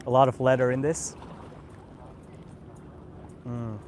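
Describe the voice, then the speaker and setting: Croatian-accented male host, laid-back outdoor chat, mid pitch, faint ambience behind. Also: a little hiss or hum. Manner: relaxed, unhurried, repeats words while thinking. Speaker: cigar channel host. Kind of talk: casual live-stream chat. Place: outdoors on a vacation island by the sea.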